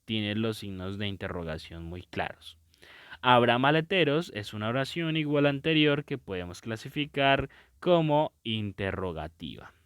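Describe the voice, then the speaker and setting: Male teacher, patient and explanatory, with a smooth, resonant voice and a dry, close sound. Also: on the low side, very animated, normal speed, hardly any pauses, dry recording. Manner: patient, explanatory, often checks in with "¿cierto?". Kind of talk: recorded video lesson.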